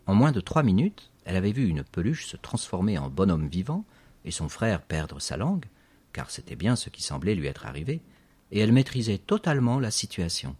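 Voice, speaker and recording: Very deep husky male narrator. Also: fairly quick. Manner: expressive storytelling, lively emphasis. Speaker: audiobook narrator. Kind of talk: scripted story narration.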